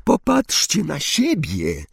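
A man voicing a clever, bossy young schoolgirl witch in a raised, shrill, urgent voice. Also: very animated, measured pace, husky, no room sound, clean studio sound, heavily acted. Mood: anxious.

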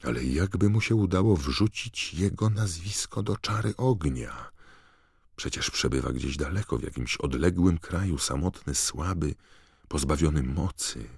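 A man narrating an audiobook in a measured, dramatic storytelling manner. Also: very deep voice, animated, husky, no echo, clean studio sound. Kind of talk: scripted narration.

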